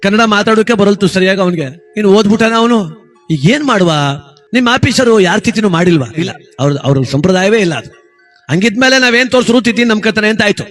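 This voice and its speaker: A man's voice: sits high, lively intonation, fast talker, a bit bright, soft background music. A man telling a folk tale with chatty, amused asides. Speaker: storyteller.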